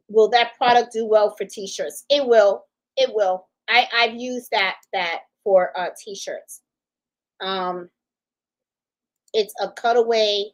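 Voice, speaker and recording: A woman's voice: fairly high pitch, a bit bright, low-quality recording. Chatty woman in her fifties, rambling. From Puerto Rico. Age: 50s. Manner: chatty, rambling, laughs easily, reads viewer comments aloud. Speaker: livestream host. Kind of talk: casual livestream chat.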